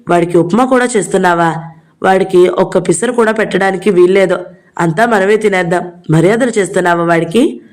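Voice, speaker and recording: A woman voicing a quick-tempered young man who shouts and hurls scornful insults at his sister's husband. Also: mid-range voice, close to an everyday voice.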